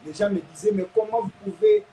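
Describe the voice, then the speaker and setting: A man from Kinshasa with a Congolese French accent, speaking as a guest commentator in a halting way and often repeating words. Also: high-pitched, wildly swooping pitch, vocal fry, dark tone, a little hiss or hum, low-quality recording.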